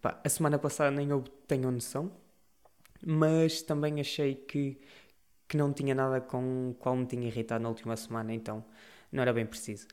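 A man's voice: mid-range voice, flat delivery, brisk, darkish tone, smooth. A young man with a European Portuguese accent, hosting a casual solo podcast and ranting with exasperation and frequent swearing. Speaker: podcast host.

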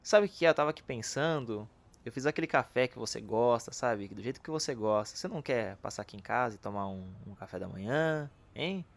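A man playing a nervous, lovesick detective who rambles excitably and talks to himself in acted comedy-drama dialogue. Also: medium pitch, brisk, vocal fry. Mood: nervous, sweet. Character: nervous lovesick male detective, awkward, self-doubting, eager.

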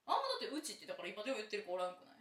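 A young woman from Osaka with an Osaka Kansai accent, co-hosting a casual chat podcast in a quick, animated, teasing way. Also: mid-range voice. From Osaka, Japan. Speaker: podcast co-host. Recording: roomy echo.

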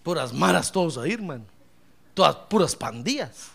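A man preaching a lively, humorous sermon as a pastor, speaking fervently, crying out praise and often calling his listener brother. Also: on the high side, normal speed, gravelly. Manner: fervent, jokes, cries out praise, keeps addressing "hermano".

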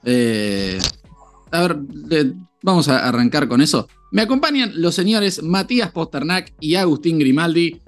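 A man's voice: on the high side, big pitch swings, measured pace, soft background music. A man hosting a casual sports podcast and addressing his co-hosts with mock formality. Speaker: podcast host. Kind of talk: casual podcast chat, quiz master.

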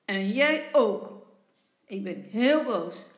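A grumpy father, roused too early, scolds the children loudly, as a woman reading aloud puts him on. His words come out slow and emphatic. The sound has a roomy echo. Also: mid-range voice, lively intonation. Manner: loud, scolding.

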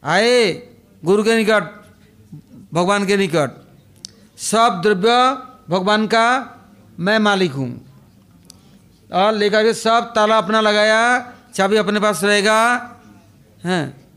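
A man's voice: high-pitched, takes it slowly, pauses often, fairly bright tone, smooth. A man giving a devotional sermon, telling a story and checking in with his listeners through repeated rhetorical tag questions. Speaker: religious teacher.

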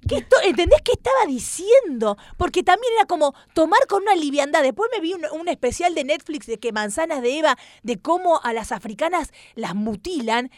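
Argentine woman comedian, high voice, lively anecdotes full of fillers. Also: brisk, few pauses, no room sound, studio quality. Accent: Rioplatense Spanish. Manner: animated storytelling with many fillers and acted quotes. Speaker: comedian guest. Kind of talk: casual conversation.

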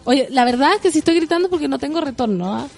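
A woman with a Chilean accent hosting a radio show, chatting loudly and playfully in slang and reading out listener messages. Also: high-pitched, expressive, very fast, soft background music. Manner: loud, playful, slangy, bursts into song.

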